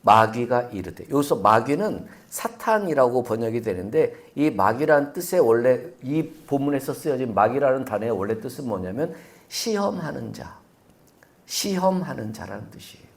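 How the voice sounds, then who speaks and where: A man preaching a sermon as pastor, animated and full of rhetorical questions to the congregation. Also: medium pitch, normal speed. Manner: animated, many rhetorical questions, acts out voices.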